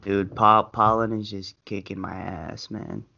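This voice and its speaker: A man's voice: on the low side, steady tone, unhurried, gravelly, pushed and bright, a little hiss or hum. A young American man in casual podcast banter, talking in slangy frat-bro fashion from an echoey room. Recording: echoey room, dull lo-fi audio.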